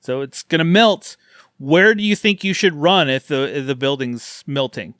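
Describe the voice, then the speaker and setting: A man hosting a podcast in casual chat, animated and laughing often as he acts out movie moments. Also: fairly high pitch, moderate pace, smooth, no room sound, clean studio sound. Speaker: podcast host. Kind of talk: casual chat reviewing horror films.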